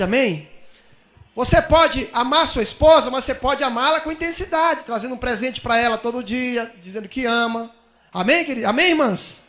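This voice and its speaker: High-voiced Brazilian pastor preaching. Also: male voice. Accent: Brazilian Portuguese. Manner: preaching with sudden shouted peaks and soft asides. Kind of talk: sermon.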